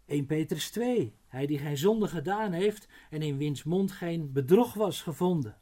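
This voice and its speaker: A middle-aged man preaching a Bible sermon, unhurried, slowing to stress words, with frequent small tag questions and restarts. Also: on the high side, animated, dark tone.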